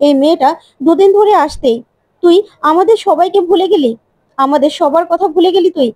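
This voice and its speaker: A woman's voice: extremely high pitch, brisk, darkish tone, no echo, pitched above the performer's own voice. A woman reading as a tearful pleading matriarch. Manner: pleading, emotional.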